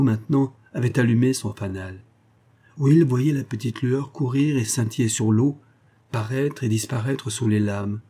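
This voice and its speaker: A man narrating an adventure novel as an audiobook with a measured storytelling delivery. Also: medium pitch, mellow, husky.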